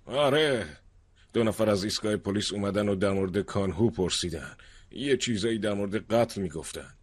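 An actor dubbing a concerned older village chief who speaks earnestly and gently reproaches. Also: male voice, lowish voice, slightly rough, dry recording. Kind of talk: dubbed drama acting.

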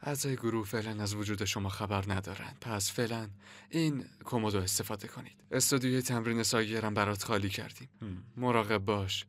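An actor playing a stern, businesslike manager who speaks curtly and formally in a dubbed drama. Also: male voice, on the low side, fairly even intonation, hardly any pauses, fairly bright tone, lightly acted. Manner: curt, formal.

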